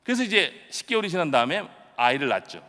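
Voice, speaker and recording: A middle-aged man preaching a dawn revival sermon, telling stories in a chatty, self-deprecating way and bursting into sudden loud shouts. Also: on the high side, sing-song, fast talker. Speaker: pastor. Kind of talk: early-morning revival sermon. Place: church sanctuary. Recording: long church-hall reverb.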